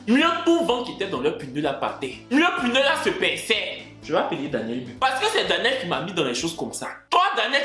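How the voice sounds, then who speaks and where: A man's voice: sits high, a bit bright. A young man with an Ivorian French accent, vlogging at home in a teasing, theatrical way and repeating phrases for effect. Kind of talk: comic self-promoting vlog rant. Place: at home, filming himself. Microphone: camera mic. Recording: roomy home echo.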